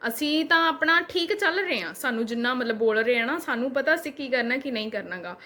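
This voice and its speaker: A woman's voice: sits high, animated, quick pace, bright, forceful tone. A young woman with a Punjabi accent, a vlogger firing back at a critic with repeated rhetorical questions. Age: young adult. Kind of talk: reply video rant.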